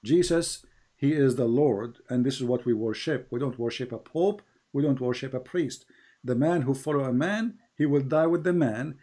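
The host, a man who grew up speaking Arabic, keeps a moderate pace and a mellow tone while debating a caller. His delivery is emphatic, with phrases repeated for stress and a high rise when he presses his questions.

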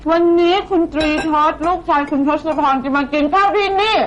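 An actress playing a chatty, gossipy young housemaid in a TV drama. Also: female voice, very high-pitched, fairly quick, slight background noise. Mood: gossiping. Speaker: maid. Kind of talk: TV drama acting. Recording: dull TV soundtrack with music.

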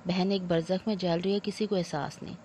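A woman's voice: fairly low pitch, steady tone, brisk, a little mellow, a little hiss or hum, natural voice. A woman voicing an aging, self-pitying mother-in-law who scolds and laments theatrically. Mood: aggrieved. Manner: wailing complaints, theatrical laments.

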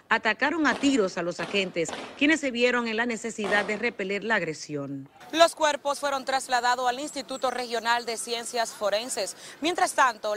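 A woman's voice: a little high, background noise. A woman in her thirties with a Dominican accent, giving a formal news field report outdoors into a handheld mic. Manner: steady formal news delivery. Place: outdoors on a street.

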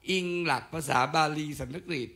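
A man's voice: brisk, sharp tone. An older man giving a special lecture in a casual, digressive way with joking asides.

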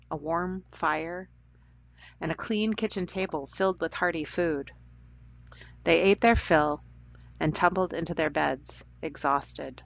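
A woman telling a children's story aloud for a church program in a gentle, caring way. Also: lowish voice, vocal fry, no room sound. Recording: dull dry lo-fi recording.

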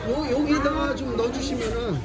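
A man's voice: very high voice, moderate pace. A man filming his visit to a fish market, chatting with vendors and tasting food as he goes. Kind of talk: casual chat. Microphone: handheld phone camera. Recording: loud crowded market noise. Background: loud crowd chatter.

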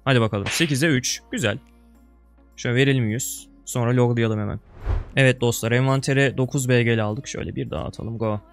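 A young man talks through his gameplay for viewers in a casual, slangy buddy tone. He swings from loud excited outbursts down to low grumbling mutters. Faint music plays softly under his voice. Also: brisk. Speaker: gaming video creator.

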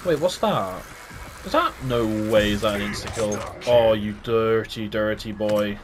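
A young man commentating his own video game play, often frustrated and swearing in loud outbursts. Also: lowish voice, measured pace. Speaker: gaming YouTuber. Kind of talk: gameplay commentary. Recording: game noise behind voice.

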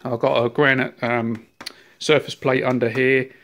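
Here a New Zealand man in his fifties shows off his large, messy workshop in an easygoing tour, holding a phone camera as he goes. He speaks a little slowly in a mid-range voice, loose and meandering with plenty of fillers, his tone level throughout.

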